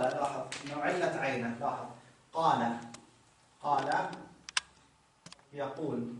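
A man's voice: on the high side, slight background noise. Man, grammar teacher, repeats phrases, very echoey room, distant mic. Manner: repeats key phrases, prompts students to notice. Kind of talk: classroom explanation of a text.

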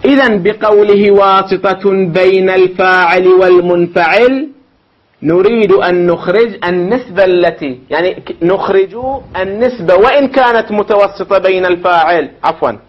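High-voiced man lecturing step by step. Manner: deliberate, step-by-step, with questions to his listeners. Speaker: teacher. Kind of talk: formal lecture on logic. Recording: dull lo-fi recording.

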